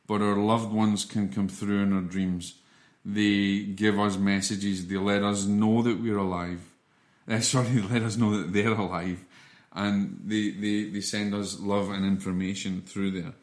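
A man teaching an informal spiritual lesson in an earnest, reassuring, explanatory way, often halting and repeating words as he goes. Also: fairly low pitch, a little mellow.

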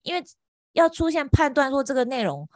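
A woman's voice: high-pitched, sing-song, brisk, darkish tone, no echo, clean studio sound. A woman co-hosting a casual podcast chat, explaining at length in a chatty way. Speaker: podcast co-host.

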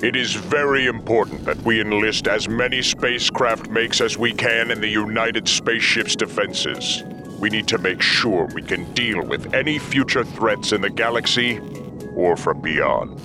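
A man voicing a stern, humorless but loyal warship admiral in an audio drama, speaking in a formal, pompous, deliberate way. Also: lowish voice, over music, close to an everyday voice. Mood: formal, earnest. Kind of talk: audio fiction drama acting.

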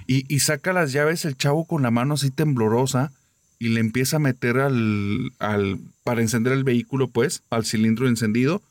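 A man's voice: medium pitch, normal speed, no room sound, clean studio sound. A man casually retelling a listener's ghost story on a podcast. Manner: casual, lively retelling with many quoted voices.

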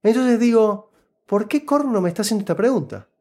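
An interview guest from Buenos Aires, Argentina, with an Argentine Spanish accent and a fairly high, mellow voice, tells a story while giving job-interview advice. His casual, conversational delivery is brisk, very lively and swooping, and he explains things while repeatedly checking that the listener follows.

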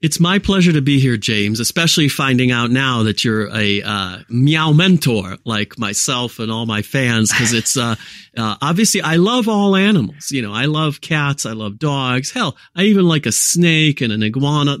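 A man's voice: medium pitch, fairly bright tone, dry recording, studio quality. A man with a mixed American accent, a guest telling rambling, jokey stories in a casual interview. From United States.

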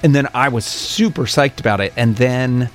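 A man, a recording engineer and producer, chatting as an interview guest and telling excited, rambling stories. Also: mid-range voice, moderate pace, faint music behind. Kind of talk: casual interview chat.

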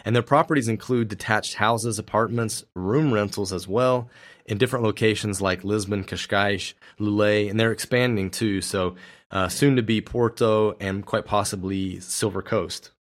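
This podcast co-host has a fairly low voice and a moderate pace. His style is casual and conversational as he chats and handles sponsor reads.

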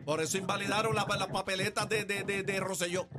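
A Puerto Rican man hosting a radio call-in show, quickly and excitedly calling out each listener's vote. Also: high-pitched, loud music behind the voice. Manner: quick, excited play-by-play of the votes. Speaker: radio show host taking calls. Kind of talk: lively radio call-in banter.

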